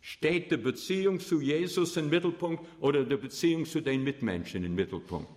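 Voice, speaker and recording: A man's voice: on the high side, animated, normal speed, darkish tone, long reverb tail. A man preaching a sermon to his congregation. He speaks emphatically, and his voice rises sharply whenever he stresses a point.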